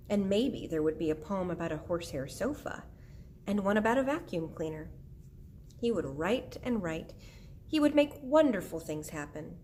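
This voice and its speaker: Female storybook narrator, gentle read-aloud, faint background hiss. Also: medium pitch. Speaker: audiobook reader.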